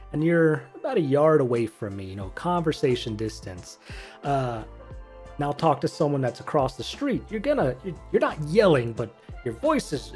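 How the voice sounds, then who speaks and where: A man's voice: mid-range voice, darkish tone. A man in his thirties, a voice actor, explaining technique in a chatty, rambling way full of self-corrections. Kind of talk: casual instructional commentary.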